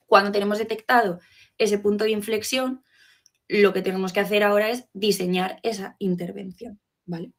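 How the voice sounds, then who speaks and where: A woman's voice: mid-range voice, steady tone, normal speed. A woman giving an explanatory talk to fellow professionals, asking rhetorical questions and checking in often. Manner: teacherly, poses rhetorical questions, frequent "¿vale?" check-ins. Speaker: educator giving a talk on literacy.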